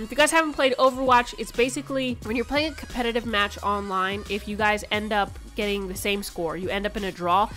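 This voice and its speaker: A woman's voice: mid-range voice, fairly bright tone. Sick-voiced woman chatting about a game. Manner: chatty, rambling with restarts. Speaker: gaming video host. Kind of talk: casual gaming commentary.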